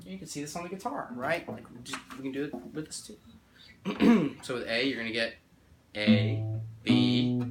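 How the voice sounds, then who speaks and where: A music teacher gives a casual music theory lesson with a guitar playing along, speaking in a mid-range voice over poor audio. He keeps checking in with "right?" and restarts or corrects himself as he counts out notes.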